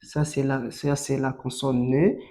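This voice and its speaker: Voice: mid-range voice, level tone, unhurried, dark tone. A French teacher giving a lesson on reading syllables, sounding them out one by one, asking learners questions and having them repeat. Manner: drills syllables and has listeners repeat; asks learners frequent questions.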